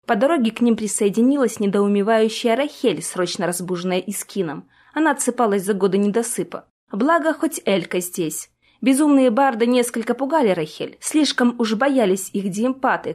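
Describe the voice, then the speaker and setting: A woman narrating a fantasy audiobook in a steady, even storytelling manner. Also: medium pitch. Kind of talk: scripted narration.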